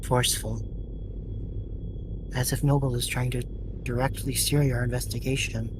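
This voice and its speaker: A woman voicing a calm, observant android who talks bluntly, in a fandub. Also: very deep voice, moderate pace, background noise. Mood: even. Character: calm, probing android companion. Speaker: fandub voice actor.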